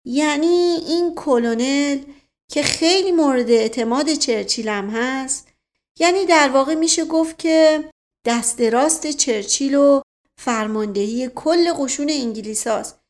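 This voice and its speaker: An anxious middle-aged colonel, read by a woman narrator, hesitant and halting, a touch higher than her narration. A spoken storybook voice. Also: lightly acted.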